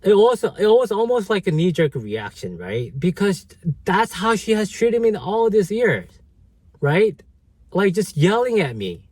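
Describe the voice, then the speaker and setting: Male vlogger, slightly raised pitch, rambling storyteller, dry close sound. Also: very animated, measured pace, darkish tone, husky, no echo. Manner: rambling, many fillers and restarts. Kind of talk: casual storytelling vlog.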